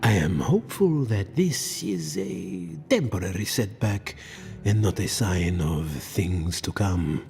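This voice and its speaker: A courteous tea house keeper, choosing formal words with a dark, mellow tone. His low voice moves in a lively pitch over gentle music. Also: takes it slowly, vocal fry, full character voice.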